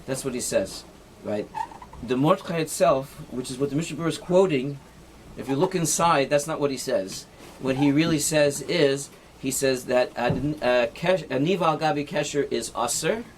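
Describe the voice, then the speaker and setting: A man with a mid-range voice speaks at a normal pace with few pauses, and a little hiss or hum runs underneath. He's a rabbi leading an informal halacha class, demonstrating knots with his hands as he explains each step, using Hebrew and Yiddish terms and often asking "right?"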